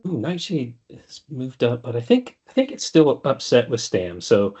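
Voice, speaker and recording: A man running a tabletop game, his husky voice rising and falling freely. He calls out rolls and monster moves, stopping and restarting mid-sentence as he thinks. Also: mid-range voice, huge pitch swings, normal speed, dark tone. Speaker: game master.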